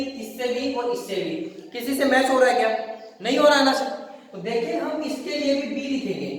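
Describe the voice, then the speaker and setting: A male teacher lecturing a class on a poem. He repeats points, has pupils say words after him, and reads English lines slowly. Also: very high voice. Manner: repetitive, asks pupils to repeat after him, calls them friends. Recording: echoey hall, far from the mic.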